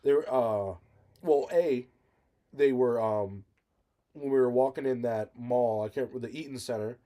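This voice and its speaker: A man with a mellow, darker voice co-hosts a casual talk show. He rambles through his stories, full of fillers and restarts. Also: medium pitch, moderate pace. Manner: rambling, many fillers and self-corrections. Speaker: podcast co-host. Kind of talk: casual chat.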